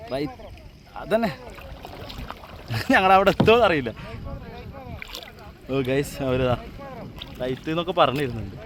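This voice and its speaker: A man with a Kerala accent narrating a casual, excited outdoor vlog, mixing English slang into his Malayalam and repeating catchphrases. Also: on the high side. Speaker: vlogger. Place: outdoors, in a small boat on water.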